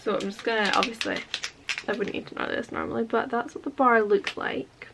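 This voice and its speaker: A woman's voice: a little high, steady tone, a little fast, creaky, heavy background noise. Chatty woman vlogger. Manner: chatty, talks while eating a snack. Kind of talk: casual unboxing vlog.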